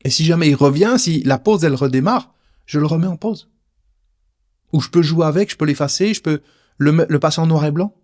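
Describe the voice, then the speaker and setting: A man teaches in a relaxed, conversational way, addressing the listener directly. His delivery is informal and playful, with a voice that sits somewhat high for a man. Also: brisk. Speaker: personal development teacher. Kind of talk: casual spoken teaching video.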